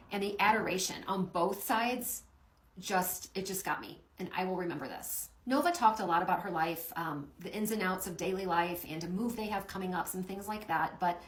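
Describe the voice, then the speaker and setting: A woman working as an animal communicator, telling an emotional story to camera in a warm, gushing way. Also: on the low side, roomy sound, poor audio.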